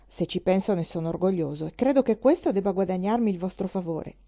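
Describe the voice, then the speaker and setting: Woman doing a playful, ironic young gentleman with a mellow tone, storybook reading. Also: fairly low pitch, expressive, fast talker. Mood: teasing. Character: witty teasing young gentleman.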